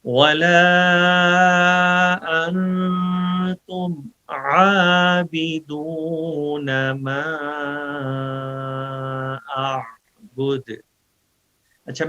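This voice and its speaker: A man teaching Quran memorization, explaining pronunciation rules and reciting verses in a slow, drawn-out chant. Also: medium pitch, a bit bright, highs cut off. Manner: explains Urdu rules mixed with English words. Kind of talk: online recitation lesson.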